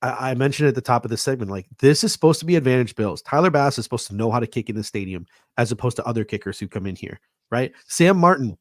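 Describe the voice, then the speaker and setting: A man co-hosting a football pregame show, talking in an animated way and getting heated about the game. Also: medium pitch, no room sound, clean studio sound. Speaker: podcast co-host. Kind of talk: sports pregame talk show.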